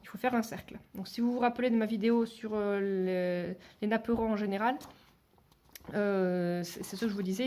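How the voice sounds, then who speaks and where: A woman's voice: medium pitch, warm tone. A woman giving a step-by-step beading tutorial, talking hesitantly with many fillers and restarts, and dropping to a near whisper while she counts beads. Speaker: beading instructor.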